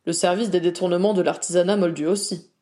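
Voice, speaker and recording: Calm fatherly wizard, read by a woman. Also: fairly low pitch, fast, close to an everyday voice.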